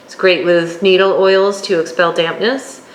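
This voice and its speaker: A woman teaching a course, working through her notes at an unhurried pace with occasional fillers. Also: on the low side, steady tone. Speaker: instructor. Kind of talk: lecture on herbal oils. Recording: echoey room, faint background hum.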